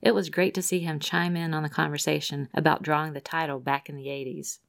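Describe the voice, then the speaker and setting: A woman's voice: sits low, little pitch movement, fairly quick, creaky. A woman co-hosting a podcast, reading listener mail with upbeat emphasis on the quotes. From Rhode Island, USA. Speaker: podcast co-host.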